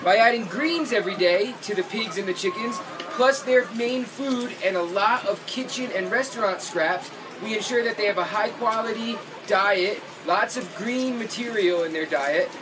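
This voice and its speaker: Outdoors on a farm, among gardens and animal pens, a young farmer gives a methodical, steady explanation of how everything works. His high-pitched voice is a little slow, and the camera capturing him from a few meters away also picks up background noise.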